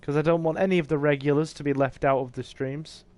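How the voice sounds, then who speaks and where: Fast and fairly even, his fairly high, a little mellow voice carries casual commentary on a horror game. The English streamer, with an English accent, chats with his viewers in a relaxed, friendly way while playing.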